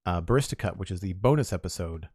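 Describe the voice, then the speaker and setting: A young man from Nova Scotia with a Canadian Maritime accent streams gameplay, chatting casually to his audience, rambling and counting aloud. His voice is low, expressive, and fast, with a darkish tone and a breathy edge, and there is no room sound.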